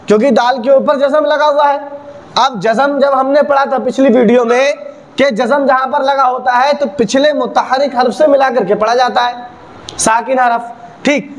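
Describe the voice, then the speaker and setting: Very high-voiced man teaching Quran reading. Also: steady tone. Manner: asks questions and answers them himself, repeating key points; slows down to spell out letter sounds. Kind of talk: video lesson explaining Quran reading rules.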